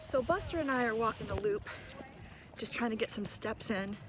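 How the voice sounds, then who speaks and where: A middle-aged teacher sends her students an encouraging, casual video message from a park, where outdoor ambience can be heard. Her voice is a little high, and she speaks at a moderate pace.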